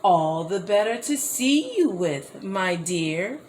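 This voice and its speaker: A woman voicing a sly, falsely friendly male wolf in a slow, low, coaxing voice for a storybook. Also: very animated, darkish tone, slight background noise.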